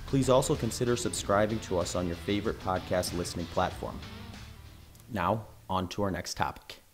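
A man, a podcast co-host, reading a scripted intro in a measured, announcer-like way. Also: low-pitched. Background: guitar music.

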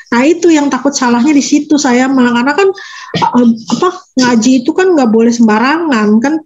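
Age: adult. Sex: woman. Role: interview guest. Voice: fairly high. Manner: rambling, halting, self-correcting. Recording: dull and lo-fi. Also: a little mellow. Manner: rambling, halting, corrects herself mid-sentence. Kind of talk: casual conversational interview.

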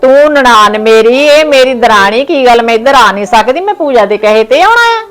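An actress playing an elder sister-in-law who feels slighted and talks at length. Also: female voice, on the high side, expressive, moderate pace, lightly acted. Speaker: actor in a family drama. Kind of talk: village family drama acting.

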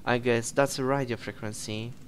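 A man reading out the lines of a wary, puzzled young male survivor in a horror game, slowly and carefully. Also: mid-range voice, steady tone, slight background noise, natural voice.

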